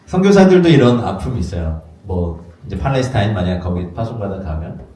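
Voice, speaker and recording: A man preaching a sermon as a pastor, lively and acting out little dialogues in playful voices. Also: lowish voice, fairly quick. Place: church hall. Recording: echoey room from far off.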